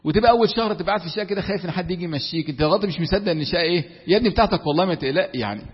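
An Egyptian sheikh talks quickly in a slightly high voice, teaching Quran commentary in a chatty, conversational way. He slows right down whenever he quotes a verse. The recording sounds dull and lo-fi, and a long hall echo trails after his words. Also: breathy edge. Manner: lively and conversational, drawing out quoted verses slowly. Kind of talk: religious lesson, colloquial explanation between verse quotes.

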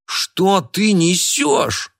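A man's voice: fairly high pitch, very animated, normal speed, a bit bright, pitched above the performer's own voice. Man doing a whiny dramatic uncle. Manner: whiny, theatrical. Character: self-pitying adult uncle, dramatic and whiny.

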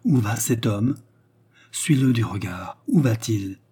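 A man's voice: fairly low pitch, animated, slow, warm tone, breathy edge, exaggerated voice. A man reading aloud, voicing an intense young woman pressing a sleeper with breathless questions.

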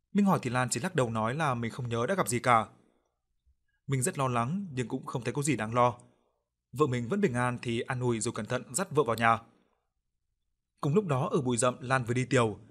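A man narrating a ghost story in a steady, ominous storytelling manner. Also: mid-range voice. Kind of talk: scripted horror narration.

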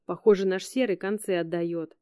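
A woman's voice: lowish voice, fairly even intonation, normal speed, mellow, smooth, no echo, clean studio sound, lightly acted. A woman reading an audiobook voices a brash, foul-mouthed young woman who barks rude orders. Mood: bossy. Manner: rude, commanding, swearing.

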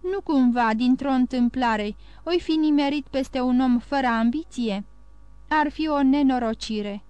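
A woman reading the Count, a calm ironic nobleman. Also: high-pitched, clear, resonant tone, dry recording, lightly acted. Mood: musing.

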